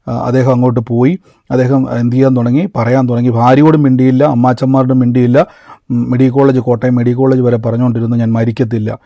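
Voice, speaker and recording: A man with a mellow, mid-range voice preaches a conversational sermon built around his personal testimony, calling his listeners "brother" and "beloved" and slipping in English words. The recording is clean studio sound with no room echo.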